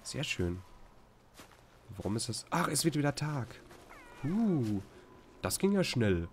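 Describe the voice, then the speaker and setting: Chatty German let's-play commentator. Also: male voice, mid-range voice, sing-song, takes it slowly, a little hiss or hum. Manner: chatty, rambling, exclaims at the game. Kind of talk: casual gameplay commentary.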